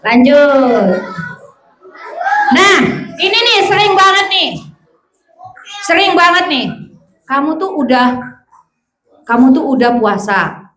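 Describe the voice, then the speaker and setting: A woman giving a lively classroom lesson to children as a religious teacher, often quizzing and hushing the pupils. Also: high-pitched, takes it slowly, long pauses. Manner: lively, calls out to hush and question pupils. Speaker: religious teacher at a school Ramadan camp. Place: school hall with children. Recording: echoey hall with background noise.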